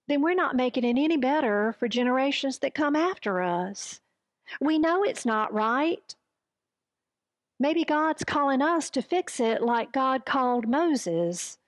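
A woman's voice: high voice, dry recording, clean studio sound. A woman voicing a determined biblical sister who insists that an unjust situation must change. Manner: firm, earnest.

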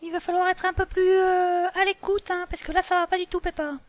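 A woman voicing a patient, slightly muddled female animal schoolteacher in a toy play, slow and didactic with many fillers. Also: very high-pitched, little pitch movement, dry recording. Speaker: teacher. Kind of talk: toy role-play lesson.

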